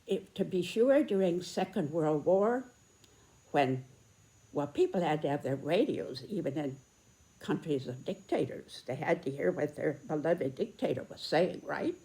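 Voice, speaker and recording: Very old American woman, slow and low. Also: lively intonation, warm tone, poor audio. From United States. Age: 90s, very old. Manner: deliberate, earnest, emphatic phrasing with pauses. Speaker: video host, personal commentator. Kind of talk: reflective spoken commentary and reminiscence to camera.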